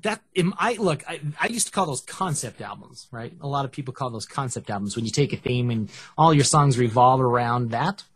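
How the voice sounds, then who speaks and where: A man co-hosting a casual music review show, talking in an animated, joking way into a headset mic. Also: mid-range voice, fairly quick, few pauses, breathy edge. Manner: animated, joking, breaks into song snippets and shouts. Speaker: podcast co-host reviewing music. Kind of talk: casual chat.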